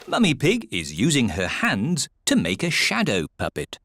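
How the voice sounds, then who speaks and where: An actor playing the plain-spoken storytelling narrator of a preschool cartoon, with a British accent. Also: male voice, mid-range voice, wildly swooping pitch, moderate pace, fairly bright tone, exaggerated voice. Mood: cheerful, matter-of-fact. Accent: British English.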